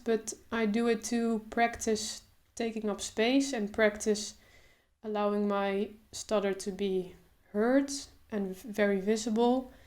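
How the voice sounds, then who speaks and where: This clip features a young woman video creator addressing the camera casually. Her medium-pitched speech starts with open stuttering, with sound repetitions and pauses, and then eases into a calm, slow rhythm.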